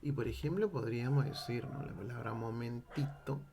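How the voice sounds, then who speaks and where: Peruvian guy lecturing, keeps asking "ok?", gravelly, faint room noise behind. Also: medium pitch, normal speed. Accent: Peruvian Spanish. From Peru. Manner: explains step by step, checking in with "¿ok?" and "¿no?". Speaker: teacher. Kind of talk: classroom-style linguistics lecture.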